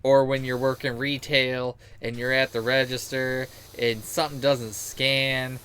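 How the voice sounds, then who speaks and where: A man streaming a game speaks unhurriedly in a mid-range, slightly bright voice with flat delivery. His chat is rambling, crude, and jokey, laced with swearing and acted-out quotes. Clear background noise runs underneath.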